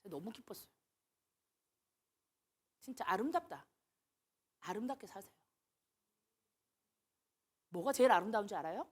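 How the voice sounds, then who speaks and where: A woman's voice: medium pitch, animated, moderate pace, long pauses, slightly rough. A woman missionary preaching a sermon, telling stories animatedly and acting out the dialogue she quotes.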